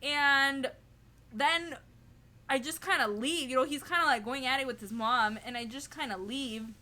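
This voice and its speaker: A woman's voice: high voice, normal speed. A young woman casually telling a story to the camera as a vlogger, filling it with "like" and "you know" and laughing as she goes. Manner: chatty, heavy on "like" and "you know"; giggly, animated retelling.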